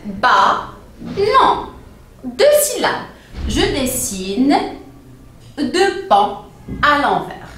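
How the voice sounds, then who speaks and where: Slow, sing-song woman teacher, echoey room. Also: high-pitched, sing-song, recorded from a distance. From Morocco. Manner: slow, exaggerated syllable-by-syllable pronunciation for young children. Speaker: primary school teacher. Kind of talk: children's reading lesson. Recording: very echoey room with faint ambient noise.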